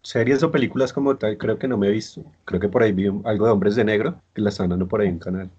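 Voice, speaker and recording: A man's voice: on the low side, fast talker, darkish tone, slightly rough, lo-fi sound. A man guesting on a casual podcast, hesitant and trailing off mid-thought.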